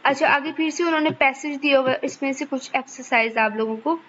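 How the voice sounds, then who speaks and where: A woman's voice: high-pitched, fairly quick, a bit bright, lo-fi sound, slight background noise. A woman teacher, explaining a lesson to students and checking in with them again and again. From Pakistan. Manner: keeps checking in with the class, repeats points patiently. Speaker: online course teacher.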